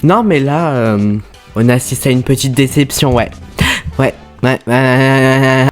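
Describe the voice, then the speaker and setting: Excitable young-sounding woman gamer. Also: a bass voice, a little slow. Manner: excitable, bursts into loud squeals. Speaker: gaming streamer. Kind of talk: casual gaming commentary. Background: faint background music.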